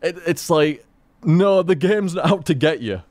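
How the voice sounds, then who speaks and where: A man rambling through casual gameplay commentary, swearing freely and talking in an animated way. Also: a little high, measured pace, no echo. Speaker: gaming commentator.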